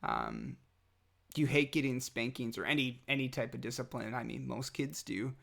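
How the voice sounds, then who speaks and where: A man's voice: medium pitch, animated, normal speed, gravelly, a bit bright. A young adult man recording a rambling, affectionate birthday message to his little son a few days after nose surgery. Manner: rambling and affectionate, many fillers and restarts. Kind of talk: casual personal message.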